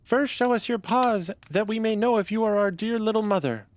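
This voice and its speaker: A man voicing a group of small, wary goat kids with squeaky, defiant cries. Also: a little fast, natural voice.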